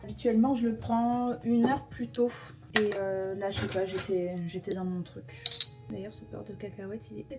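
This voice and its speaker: A young woman chatting casually to camera at home, self-deprecating and full of fillers as she vlogs her day. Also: fairly high pitch. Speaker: vlogger. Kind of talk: casual vlog narration. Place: home apartment, indoors.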